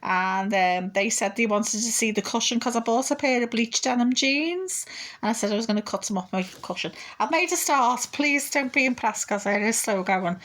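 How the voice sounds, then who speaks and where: A woman's voice: on the high side, normal speed, a bit bright. A middle-aged woman, chatting casually and rambling in her vlog. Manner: chatty, rambling, with frequent laughs and fillers. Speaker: vlogger.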